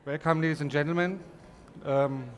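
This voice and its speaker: A middle-aged man with a German accent, a native German speaker, giving a technical presentation with many halting restarts and repeated words. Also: fairly high pitch, steady tone, over loud music. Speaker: conference presenter.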